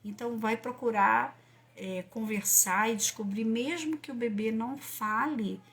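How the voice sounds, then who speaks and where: A woman's voice: on the high side, unhurried. Emphatic Brazilian woman explaining to parents. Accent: Brazilian Portuguese. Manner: animated and emphatic, with rhetorical questions. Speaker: parenting educator and author.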